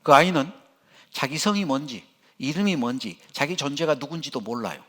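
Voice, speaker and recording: An older man, a pastor, preaching a sermon in church with animated, folksy storytelling. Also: fairly high pitch, normal speed.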